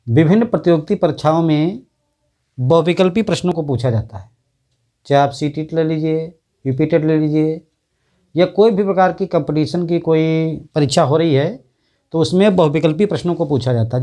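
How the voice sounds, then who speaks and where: A man teaching an exam-prep lesson in a Hindi accent, repeating each letter and answer slowly. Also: fairly high pitch, dark tone.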